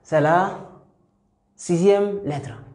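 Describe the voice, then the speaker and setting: A man teaching Arabic letters step by step, slowly repeating each sound for learners to copy. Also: high voice, a little mellow, reverberant. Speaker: Quran teacher.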